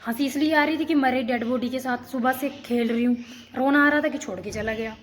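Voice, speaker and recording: A woman's voice: high voice, brisk, slight background noise. A young woman from Himachal Pradesh telling a story to her vlog viewers in a rambling, chatty way, full of restarts. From Himachal Pradesh, India. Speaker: vlogger. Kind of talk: casual storytelling to camera.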